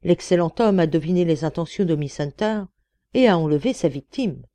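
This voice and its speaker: A woman voicing a decisive male detective giving crisp orders in an audiobook. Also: fairly low pitch, lively intonation, a little fast, mellow, no echo, lightly acted. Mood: commanding. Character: sharp, commanding male detective.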